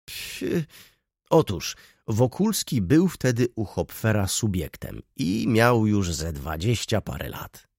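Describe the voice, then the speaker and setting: A man voicing a gray-haired elderly councillor who mutters slowly and dismissively, with a husky voice. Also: lowish voice, sing-song, a little mellow, no echo, studio quality, full character voice. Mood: reminiscing. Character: gray-haired elderly male councillor, grumbling beer drinker.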